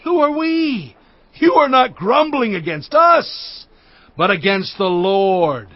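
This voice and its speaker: An actor playing Moses as a stern, commanding leader in a solemn, declamatory dramatized scripture reading. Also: male voice, high-pitched, big pitch swings, slow pace, no room sound, exaggerated voice. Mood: indignant. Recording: dull band-limited audio with music.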